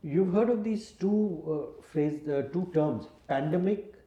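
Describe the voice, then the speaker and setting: A man on an interview panel asking questions in a calm, measured way. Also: high voice, reverberant, lo-fi sound. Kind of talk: formal mock interview questioning.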